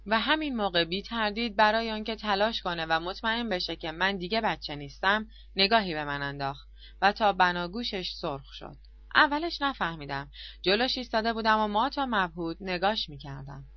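A woman giving an expressive, confessional first-person audiobook narration. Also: medium pitch, no room sound, muffled recording.

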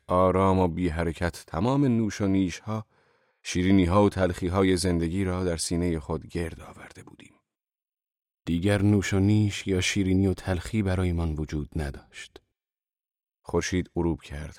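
Brief: low-voiced man reading literary fiction, measured, dry close sound. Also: darkish tone, no room sound. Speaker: narrator. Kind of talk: audiobook narration.

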